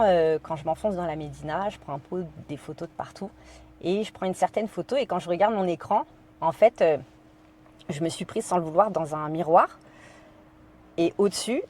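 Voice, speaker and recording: Low, mellow French woman telling her story. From France. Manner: hesitant, many fillers, quotes her own inner thoughts. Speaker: podcast guest. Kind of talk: personal storytelling in conversation.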